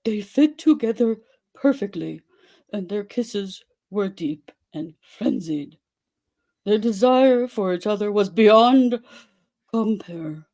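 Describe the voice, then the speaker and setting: A woman performs a theatrical dramatic reading of a story, exaggerating her delivery and using dramatic pauses. Her mid-range voice is expressive and mellow.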